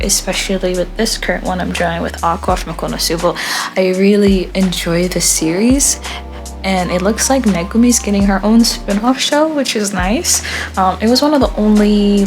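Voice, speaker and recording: Over soft background music, a young woman at medium pitch chats casually while drawing, rambling and relaxed with frequent ums. An artist vlogger, she was born in Haiti and raised in Florida.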